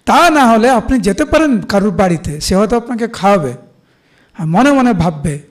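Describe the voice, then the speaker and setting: A middle-aged preacher with a Bengali accent and a rather high voice leads a devotional class. He moves between everyday examples and slow, chant-like verse recitation. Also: animated. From India.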